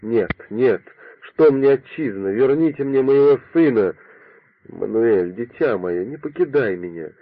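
A man's voice: medium pitch, animated, unhurried, dry recording. A man reading an audiobook voices a middle-aged mother in frantic, pleading disbelief, on a dry, phone-like recording. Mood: frantic grief. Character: distraught grieving mother, middle-aged woman. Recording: dry, phone-like narrow sound.

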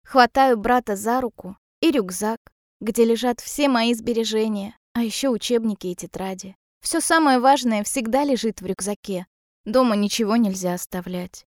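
A woman's voice: a little high, moderate pace, no room sound, clean studio sound. Woman narrating an audiobook in first person.

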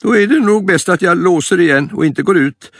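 A man's voice: sits high, no echo, clean studio sound, pitched above the performer's own voice. A man voicing a cautious old grandmother in a storybook reading, talking in an anxious, warning way. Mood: worried.

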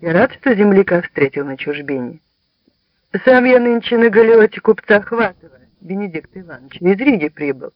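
A man voicing a smooth-talking young male dandy with a soft, ingratiating manner. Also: sits high, lively intonation, normal speed, no room sound. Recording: slightly dull lo-fi sound.

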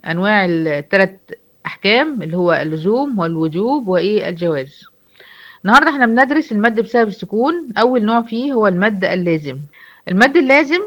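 A woman with an Egyptian accent gives a brisk online lesson, moving quickly through her points. Her voice sits in a middle range. She keeps asking the class questions and answering them herself. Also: medium pitch, a bit bright, muffled recording. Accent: Egyptian Arabic. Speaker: Quran recitation teacher. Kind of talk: online lecture.

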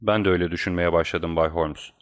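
A man's voice: deep voice, steady tone, quick pace, no echo, studio quality, natural voice. A man voicing a passionate, desperate young man who speaks urgently and heatedly. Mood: pleading.

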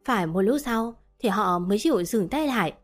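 A young adult woman narrating a romance story in the first person, in an even, gentle way. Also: medium pitch, a little fast. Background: faint background music.

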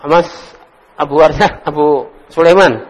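A man teaching Arabic to a class, quizzing students, correcting them with gentle teasing and sounding out words slowly. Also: a little high, slightly rough, highs cut off. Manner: drills pronunciation slowly, corrects and teases students. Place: lecture hall with students. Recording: echoey hall recording.

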